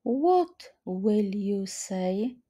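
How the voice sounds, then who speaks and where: Very slow, mellow-voiced woman teacher. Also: mid-range voice, animated, breathy edge. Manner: deliberate, repeats each phrase twice. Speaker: language teacher. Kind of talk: slow flashcard-style language lesson.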